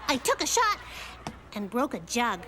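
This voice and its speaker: A woman voicing a spirited, bossy young girl in an animated cartoon, emphatic and excitable. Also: on the high side, moderate pace, noisy background. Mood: playful storytelling. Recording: music behind the voice.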